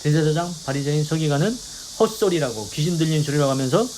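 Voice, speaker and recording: A man's voice: fairly high pitch, lively intonation, fast talker, a little mellow, slight background noise, rough recording. A man leading a devotional Bible meditation, explaining verses and asking rhetorical questions. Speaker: preacher.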